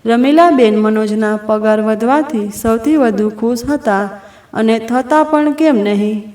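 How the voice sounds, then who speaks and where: A woman narrating a family story in a steady, expressive scripted style. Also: a little high. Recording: roomy echo.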